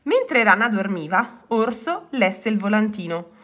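A woman reading a children's story aloud, expressive. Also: mid-range voice, unhurried.

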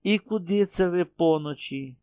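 A proud young village wife speaks sharp and reproachful in a lifted, higher voice, as a male audiobook reader puts her on. The sound is dry and close. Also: a little slow, no room sound. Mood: bustling. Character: young village beauty, a married woman, sad and proud.

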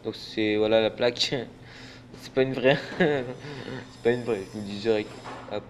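A man's voice: lowish voice, fairly even intonation, normal speed. A tired young man giving casual gameplay commentary, rambling, stumbling over his words and swearing often. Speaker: gaming channel host. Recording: noisy, racing game engine sounds behind. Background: racing game car and engine sounds.

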